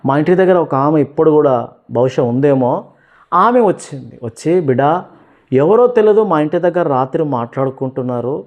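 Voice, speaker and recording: A man's voice: fairly high pitch, expressive, moderate pace, narrow, tinny audio. Earnest Telangana man giving testimony. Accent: Telangana Telugu. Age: 50s. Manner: earnest storytelling, addresses listeners as beloved.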